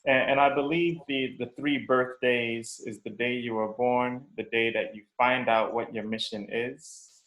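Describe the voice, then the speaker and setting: A man with a mid-range voice moderates a webinar, keeping things moving in a relaxed, informal way. He scatters fillers as he calls on people. The sound is roomy, as if from an echoey space. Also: mid-range voice. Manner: informal, brisk directions with fillers. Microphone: video call.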